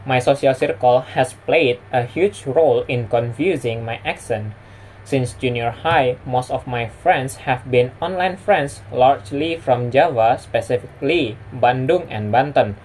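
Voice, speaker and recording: A man's voice: medium pitch, a little slow, a little mellow, slight background noise, poor audio. A young man from West Sumatra, a native Indonesian and Minang speaker with an Indonesian accent, giving a prepared personal presentation as a student. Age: young adult.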